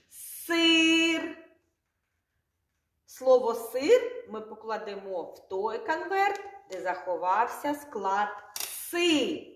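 A woman teaching a slow, sing-song speech lesson to small children, repeating each word clearly. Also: high voice. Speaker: kindergarten teacher. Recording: echoey room.

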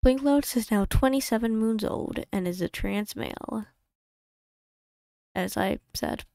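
Speaking into a home desk mic, this YouTube creator voices over her game playthrough in a relaxed way, wandering off track, fixing her own words, and dropping fast side comments. Her voice sits fairly high and is gravelly yet warm, with clean studio-like sound and no echo.

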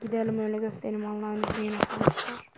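A woman giving casual Minecraft gameplay commentary, switching from low muttering to loud excited yelps and calling out to the animals and objects in the game. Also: rapid-fire, heavy background noise.

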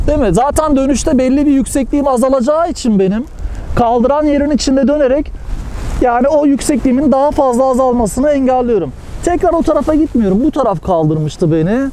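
A young man teaching paragliding technique while he flies, calmly explaining and answering his own questions, recorded outdoors on a helmet-mounted camera. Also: extremely high pitch, low-quality recording. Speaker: paragliding instructor and vlogger. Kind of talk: in-flight instructional commentary. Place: outdoors, flying a paraglider over hills. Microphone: helmet-mounted action camera. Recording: faint wind noise.

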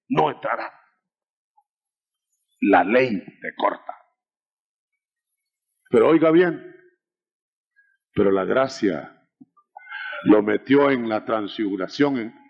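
Gravelly, dramatic male preacher. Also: on the high side, dull audio. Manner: dramatic, rising to shouts and falling to murmurs. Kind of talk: sermon.

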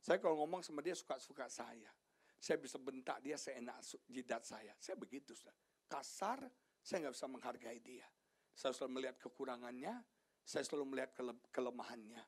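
A middle-aged male pastor preaching an animated sermon, swinging from shouted lines to hushed asides and joking with the congregation. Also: medium pitch, brisk, husky. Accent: Indonesian. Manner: jokes with the congregation, asks them questions. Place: church sanctuary.

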